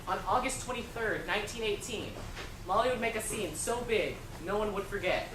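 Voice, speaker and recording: A woman's voice: medium pitch, a little fast. A woman reading scripted historical narration. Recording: echoey, distant, clear background noise.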